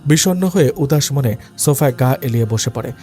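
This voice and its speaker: A man narrating a dramatic story in a steady, scripted reading. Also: medium pitch, brisk. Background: faint background music.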